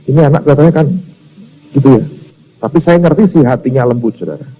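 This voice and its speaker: A man's voice: medium pitch, fast, warm tone. A male pastor, preaching a sermon and telling stories with acted-out voices. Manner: storytelling, acts out quoted voices, addresses the congregation as "saudara". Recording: long reverb of a large hall.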